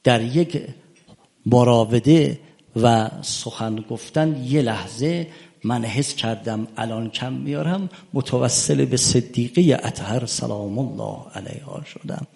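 A man preaching a sermon, retelling a debate in quoted dialogue and rising to emphatic, loud peaks. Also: medium pitch, gravelly. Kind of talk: religious sermon storytelling.

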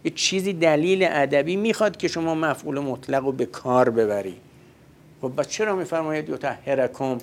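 A man giving a religious lecture in a conversational way, posing rhetorical questions and answering them himself. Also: a little high.

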